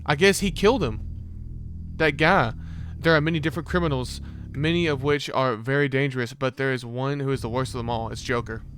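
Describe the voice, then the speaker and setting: A reaction video host in a mid-range, fairly bright voice talks fairly quickly with music playing behind him and slight background noise. He's casual and slangy, thinking aloud, exclaiming, and reading text off a screen.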